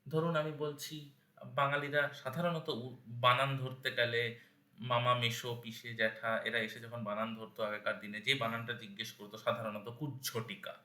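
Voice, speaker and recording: A man's voice: medium pitch, fairly even intonation, normal speed, sharp tone, reverberant. A man giving a spoken lesson on verse meter, patiently breaking words into syllables one by one. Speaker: teacher of Bengali verse meter.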